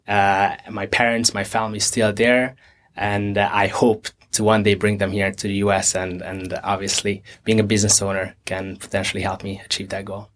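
A man in his twenties from Hungary, a company co-founder giving earnest, measured interview answers. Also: on the low side, flat delivery, a bit bright. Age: 20s. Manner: measured, earnest, frequent restarts.

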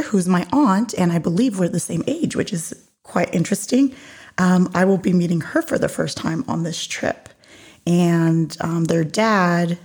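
Speaking from her home in Georgia, USA, a Puerto Rico–born woman hosts a solo podcast, rambling along with plenty of ums and restarts. Her voice is on the low side, darkish in tone, with a breathy edge.

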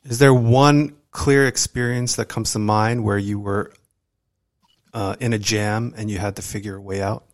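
A man's voice: on the low side, fairly even intonation, moderate pace, dry recording, studio quality. A man hosting a podcast interview, encouraging and asking open questions. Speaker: podcast host. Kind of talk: casual interview.

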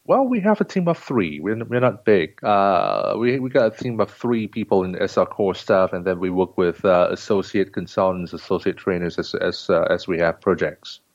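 A man's voice: low voice, expressive, normal speed, few pauses, dry recording, lo-fi sound. A man from Singapore with a Singaporean accent, a consultant talking in an interview with many restarts and fillers. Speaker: guest, leadership trainer and consultant. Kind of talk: interview conversation.

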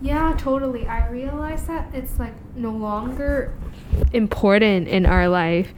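A woman's voice: on the high side, a little slow, a little hiss or hum. A young woman hosting a podcast, chatting casually and asking questions with many fillers. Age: young adult. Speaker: youth podcast host. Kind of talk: casual interview chat.

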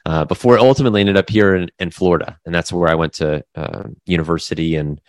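A man in his thirties from the Midwest speaks with a very low voice, recorded close and dry. He talks casually as an interview guest, halting often with fillers and restarts. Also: fairly even intonation, no room sound. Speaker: guest business owner.

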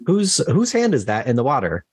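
A woman co-hosting a podcast in casual chat, animated and jumping high in pitch when she jokes. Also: brisk, slightly rough, dry recording. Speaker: podcast co-host.

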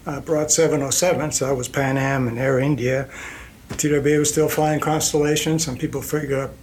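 An older man from Iceland, a company president guest, telling his life story in a relaxed, rambling way with fillers and small chuckles. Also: mid-range voice, fairly quick, a little hiss or hum.

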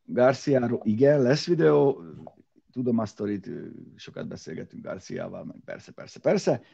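Dark-voiced rambling man on lo-fi audio. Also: medium pitch, animated, gravelly, slightly rough. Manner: rambling, filler-heavy, many restarts. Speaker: podcast co-host. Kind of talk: casual car-show chat. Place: separate room from co-hosts.

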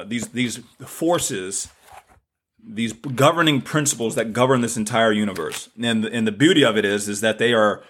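A man with a Southern US accent hosting a spiritual podcast, talking in a loose, rambling way, often hunting for words and repeating himself. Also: fairly low pitch. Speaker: podcast host.

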